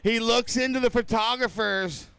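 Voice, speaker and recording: A man's voice: very high-pitched, steady tone, normal speed, fairly bright tone, smooth, no room sound. A man announcing a surf contest live, with a laid-back surfer way of talking. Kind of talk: live sports commentary.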